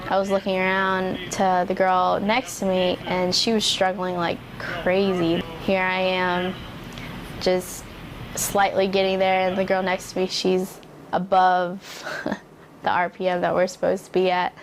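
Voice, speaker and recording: A woman's voice: on the low side, completely flat delivery, measured pace, a little hiss or hum, poor audio. A young American woman, a recruit, giving a casual, reflective personal account. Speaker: military recruit.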